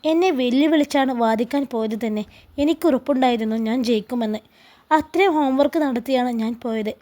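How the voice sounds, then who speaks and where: A woman's voice: high voice, fairly quick, warm tone, natural voice. A woman voicing a young male lawyer in a storybook, affectionate and teasing in his banter. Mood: tender, teasing.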